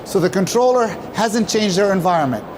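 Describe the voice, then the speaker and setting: With lively intonation and a fairly quick pace, a man's high voice delivers a prepared conference-style talk for his company. He explains points emphatically and poses questions he then answers himself. There's background noise.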